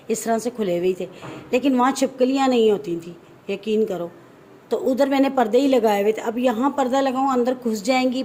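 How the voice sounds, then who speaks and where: A middle-aged Pakistani woman with a high voice, vlogging on her phone at home. She talks in a chatty way and tells stories with animated repeats. Faint household noise sits behind her voice. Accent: Pakistani Urdu. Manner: chatty, animated storytelling, repeats herself for emphasis; frightened and fretful at first. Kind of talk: casual family vlog chat. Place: home, moving between rooms and a balcony.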